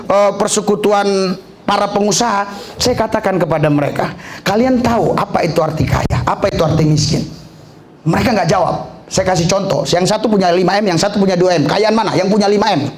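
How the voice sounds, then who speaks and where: A man preaching a lively sermon, animated, breaking into shouts and laughter, with frequent hallelujahs. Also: sits high, reverberant.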